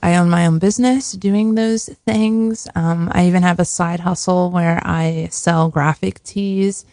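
A soft-spoken woman guest chats casually in a fairly low voice with plenty of vocal fry. She feels her way through her thoughts a bit self-consciously, and the sound is close and dry. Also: fairly even intonation, measured pace, no room sound. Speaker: podcast guest. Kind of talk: casual conversational interview.

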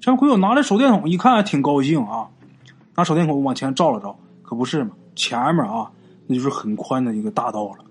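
Husky, lively male ghost-story teller. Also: mid-range voice, fast. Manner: chatty, colloquial, addresses listeners as "ghost friends". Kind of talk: casual spoken ghost story narration.

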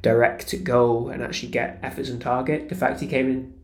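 Male pundit, monotone and measured, roomy echoey sound. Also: medium pitch. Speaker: football pundit. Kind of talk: casual football analysis. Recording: roomy echo.

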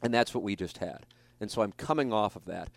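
A man with a lowish voice hosts a talk show, rambling through his thoughts with plenty of restarts and fillers. He is recorded close and dry, with no room sound. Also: a little fast, vocal fry, no room sound. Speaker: radio show host. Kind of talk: casual talk show chat.

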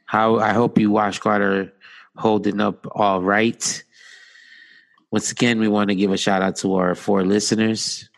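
A man's voice: on the low side, level tone, a little slow, gravelly. A man co-hosting a casual podcast chat, joking and rambling. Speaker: podcast co-host.

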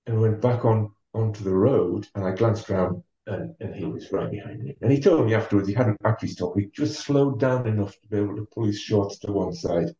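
This male interview guest, once a marathon runner, shares unhurried anecdotes in a low, mellow voice full of ums and restarts. He's from North East England and his pace is measured. The lo-fi recording sounds roomy and slightly distant, dull from being off the mic.

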